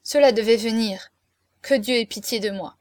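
A grave, fatherly middle-aged swordsman speaks low and earnestly in a storybook reading, as a woman narrator voices him. The tone is restrained, with feeling held back, and the voice sits a touch higher than a typical man's. The recording is dry and close. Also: moderate pace, darkish tone, no echo, lightly acted.

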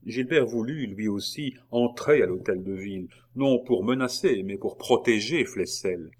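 A man reading a historical novel aloud in a measured, dramatic narration. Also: lowish voice, darkish tone. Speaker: audiobook narrator. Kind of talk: scripted narration.

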